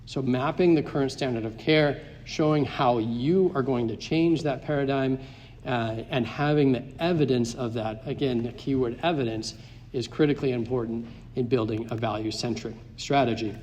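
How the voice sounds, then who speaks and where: A man's voice: mid-range voice, moderate pace, a little mellow, a little hiss or hum. A man giving a structured conference presentation as a consultant, stressing key points and walking through numbered questions. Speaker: market access consultant. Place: conference hall. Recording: live talk in a hall.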